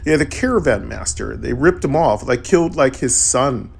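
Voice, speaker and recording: A man's voice: medium pitch, expressive, moderate pace, gravelly, slightly rough. A man giving casual, slangy, offhand commentary as he plays through a game. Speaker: video game player and commentator. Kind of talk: casual let's-play commentary.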